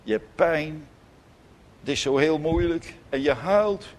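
A man preaching a sermon in church, emphatic, with sudden loud declarations and soft, gentle asides. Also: fairly high pitch, slow. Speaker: pastor.

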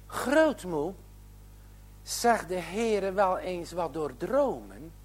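A man's voice: sits high, sing-song, drawn-out words, breathy edge, exaggerated voice. A man voicing a frightened, pious six-year-old boy who pleads anxiously and tearfully. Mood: timid questioning.

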